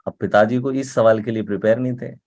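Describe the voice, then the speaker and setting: A fast-talking man with a fairly low, steady, slightly mellow voice gives a conversational motivational talk. He repeats words for emphasis and regularly asks the listener "ठीक है?" and "right?".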